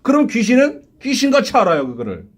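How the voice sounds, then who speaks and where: A male pastor delivers a live Sunday sermon in a church, with a high voice whose pitch rises and falls widely. He keeps asking the congregation questions and acts out the quotes in his stories. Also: wildly swooping pitch, fast, slightly rough. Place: church sanctuary.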